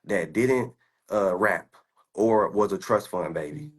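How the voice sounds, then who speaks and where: Slow, low and husky, this American stock trader in his twenties brags, swears and picks fights in a rant as he displays his screen.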